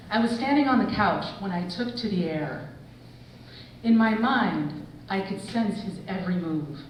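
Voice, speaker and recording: A woman in her forties, an English professor, reading a personal essay aloud with expressive storytelling. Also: mid-range voice, distant mic, a little hiss or hum. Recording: echoey hall, voice from afar.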